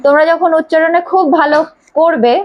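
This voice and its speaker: An English teacher gives a spoken pronunciation lesson to a small class in a classroom with a board, patiently repeating each sound again and again. Her voice is extremely high and fairly quick, and the recording is muffled.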